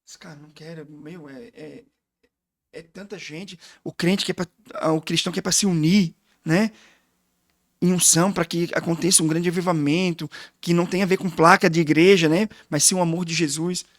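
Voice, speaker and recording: A man's voice: high-pitched, fairly even intonation, a little fast, no echo, clean studio sound. A middle-aged man with a Brazilian Portuguese accent, a guest pastor telling an emotional testimony full of quoted dialogue in a casual interview.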